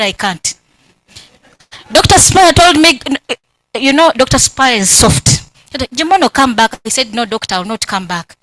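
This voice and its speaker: A Ugandan woman with a Ugandan English accent, giving emotional, animated thanks at her doctoral defense and acting out remembered conversations. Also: on the high side, no echo, poor audio. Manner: emotional, grateful, animated storytelling with quoted dialogue. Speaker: PhD candidate. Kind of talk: acknowledgements at a thesis defense. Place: university hall.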